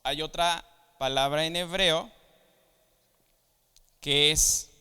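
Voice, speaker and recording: A man's voice: fairly high pitch, steady tone, takes it slowly, sharp tone, smooth. A man, preaching a Bible lesson, who explains things step by step and keeps checking that his listeners follow. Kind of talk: Bible teaching. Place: church hall. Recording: long hall reverb.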